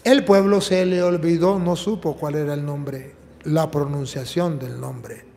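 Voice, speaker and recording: A priest preaches with a high, bright-sounding male voice, driving each point home with emphatic explanations and rhetorical questions. His words ring out with a long reverberant tail from the church around him. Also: steady tone, unhurried, gravelly, slight background noise. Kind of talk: preaching and apologetics dialogue.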